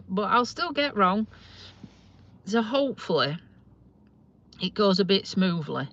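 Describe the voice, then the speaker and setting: A Lincolnshire woman with a faint Yorkshire accent chats and rambles to viewers on a live stream, speaking from a parked car in a chatty, self-deprecating style. Her mid-range voice is a bit bright, but the audio is dull.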